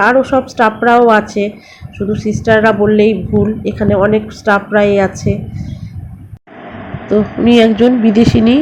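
A woman's voice: mid-range voice, a little mellow. A middle-aged woman narrating her family vlog in a chatty, rambling way, often picking up again with filler words. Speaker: family vlogger. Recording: noisy home recording with vehicle sounds.

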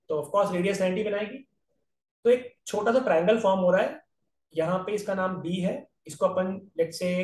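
A man with an Indian accent teaches an online geometry lecture for aptitude exams, working through each step and checking in with "right?". His high-pitched voice is a little mellow, sounding roomy and far from the mic.

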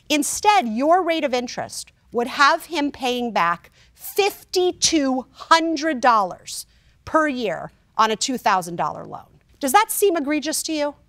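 A woman's voice: on the high side, a bit bright, no echo. A woman serving as a judge on a television court show, questioning a litigant pointedly and explaining interest limits. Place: TV courtroom studio.

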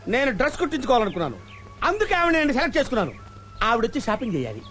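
A man's voice: very high voice, wildly swooping pitch, racing, a bit bright, soft background music, exaggerated voice. An actor playing a brash, cheeky man who fires back blunt retorts in a film comedy. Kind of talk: Telugu film comedy dialogue.

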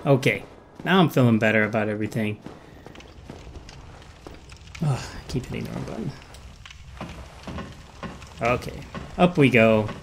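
A man gives casual commentary while gaming, talking to himself in short, muttered remarks. His mid-pitched voice has a noticeable gravelly fry. Clear background noise sits behind him. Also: a little slow, pauses often. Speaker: gamer recording a playthrough.

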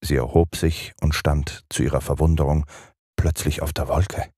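A man narrating a children's audiobook in an expressive storytelling manner. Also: rumbling low, normal speed, husky, no room sound, studio quality.

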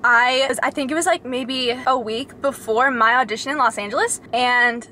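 A young woman talks casually from inside a parked car, her voice high and bright. She is bubbly and excitable, breaking into squeals now and then. Faint background noise sits under her. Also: moderate pace. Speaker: vlogger reacting to a show. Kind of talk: casual reaction chat. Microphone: camera mounted facing her.

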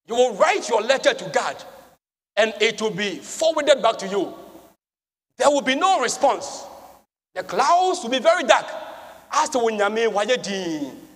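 A man with a Ghanaian accent, a pastor preaching a sermon in a church, moving between shouted passages and hushed, tender ones. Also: very high voice, animated, unhurried, pauses often. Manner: swings from shouted preaching to hushed emotional tones. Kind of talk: sermon mixing English and Twi. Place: church sanctuary. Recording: live-streamed church service with long hall reverb.

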